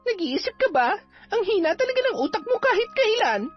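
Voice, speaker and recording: A woman voicing a fiery young sorceress, very high. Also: very animated, moderate pace. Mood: scornful. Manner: sharp-tongued, scolding, defiant. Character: bitter, hot-tempered young female sorceress on the run. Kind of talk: Filipino audio drama acting. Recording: dull lo-fi with faint music.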